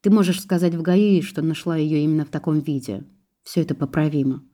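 Soft-spoken lovesick young thief, read by a woman in a dark, mellow register, apologetic and quiet. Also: deep voice, fairly even intonation, a little fast. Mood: remorseful. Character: remorseful young male car thief in love.

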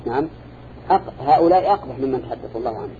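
A man teaching a classroom lecture, speaking in a measured way and quizzing his students with short questions as he goes. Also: mid-range voice, animated, slight background noise. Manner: measured, quizzes listeners with repeated "ha?" and "na'am". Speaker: teacher of Quran interpretation. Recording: dull lo-fi recording.

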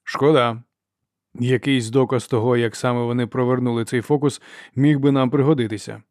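A man's voice: medium pitch, steady tone, moderate pace, darkish tone, no echo, close to an everyday voice. A man voicing a stern old male churchman who speaks in dry, clipped questions. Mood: cold, impatient. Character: old stern male archlector, cold and imperious.

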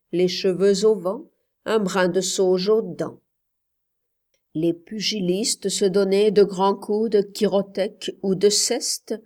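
Woman, audiobook narrator, literary novel, slow and measured, mid-pitched. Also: dark tone. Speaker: audiobook reader.

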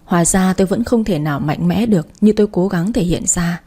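Wistful, husky woman narrator. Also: on the low side, fairly quick, mellow. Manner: sorrowful, wistful reading. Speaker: audiobook narrator. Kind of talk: first-person romance story narration.

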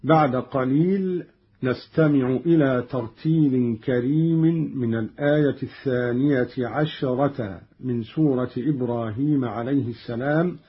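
A man presenting a radio program in a measured, deliberate way, explaining differences in recitation and quoting verses in a slower recited tone. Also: mid-range voice, husky. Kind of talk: scripted explanatory radio talk. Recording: dull lo-fi radio archive recording.

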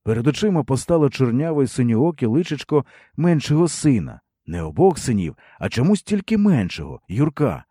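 A male audiobook narrator telling a historical novel in a measured, expressive way. His tone is dark and mellow, and his pitch moves freely. The sound is dry and close. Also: slightly rough, dry recording.

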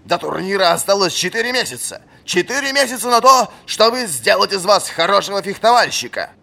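A man reading an audiobook, voicing a gruff old male fencing marshal who barks commands at his pupil. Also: sits high, animated, moderate pace, pitched above the performer's own voice, full character voice. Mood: barking. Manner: barking, shouting commands.

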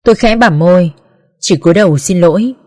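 A woman narrating a first-person family drama in a soft, melancholy way. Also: lowish voice, a little fast, in a large hall. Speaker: audiobook narrator.

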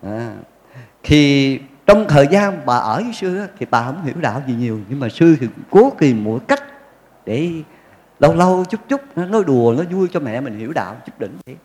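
A man's voice: medium pitch, big pitch swings, a little fast, darkish tone. A male Buddhist monk giving a folksy dharma talk, telling stories with jokes and acted quotes. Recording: long hall reverb.

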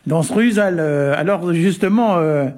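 A man from Brittany explaining word meanings in a relaxed, hesitant way, full of little fillers and chuckles. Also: sits high, a little slow. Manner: hesitant, many "euh" and "hein" fillers, chuckles often. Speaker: Breton language expert on a radio show. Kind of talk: casual explanatory chat.

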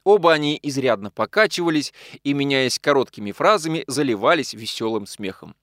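A man narrating an audiobook with expressive storytelling. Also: medium pitch, brisk, dry recording, studio quality. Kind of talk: scripted narration.

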